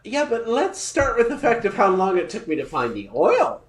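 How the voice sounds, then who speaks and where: A slightly high-pitched woman speaks at a moderate pace with a roomy sound. In her thirties, American and a first-language English speaker, she co-hosts a podcast and animatedly pokes fun at herself in a casual story, laughing frequently.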